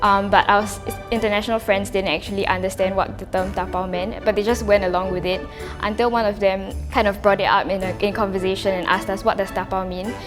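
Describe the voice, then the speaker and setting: A woman's voice: medium pitch, flat delivery, fast. A young adult woman with a Singaporean accent and a Singlish way of speaking, a student talking casually in an interview. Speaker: university student. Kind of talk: casual interview talk to camera. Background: music.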